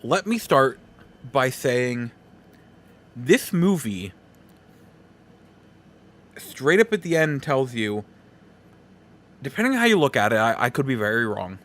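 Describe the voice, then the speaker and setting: With a mid-range, fairly bright voice and big swings in pitch, the man talks slowly and pauses often. As a podcast host, he gives a loose, rambling movie review in a conversational style.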